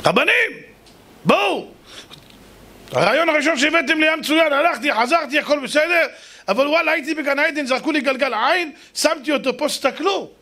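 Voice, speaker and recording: A naive, boastful ancient king whines and begs, as a preacher puts him on in a sermon story. The voice sits high and leaps around. It has a slightly husky grain. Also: animated, fairly bright tone, exaggerated voice. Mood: eager. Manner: eager, whining, begging.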